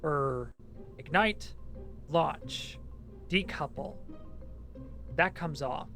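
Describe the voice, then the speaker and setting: A man's voice: on the high side, very slow, vocal fry, pushed and bright, faint music behind. A man streaming a game with a co-host, casually talking himself through each step and swearing now and then. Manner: narrates each step under his breath, easygoing and swearing.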